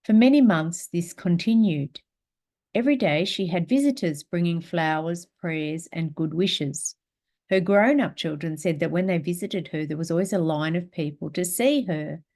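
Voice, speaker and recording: A woman teaching a spiritual class, guiding a meditation in a slow, calm, gentle way and reading aloud. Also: on the low side.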